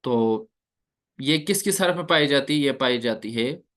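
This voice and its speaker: A man's voice: medium pitch, lively intonation, moderate pace, bright, forceful tone. A man teaching a recitation class. He explains each point step by step, asks the class questions and demonstrates the sounds. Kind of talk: classroom lecture.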